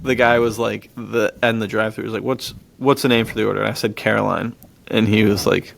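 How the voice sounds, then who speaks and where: This man's voice is lowish and gravelly, with a steady tone and a slightly quick delivery over a bit of hiss or hum. He's an American podcast host swapping film talk and anecdotes in a loose, slangy way, frequently chuckling and saying "dude" a lot.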